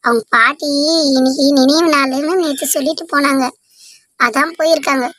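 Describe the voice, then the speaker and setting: A chatty, caring village mother in a cartoon, asking after her son's schooling, voiced by a woman. her voice is high and easy. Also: brisk, a bit bright.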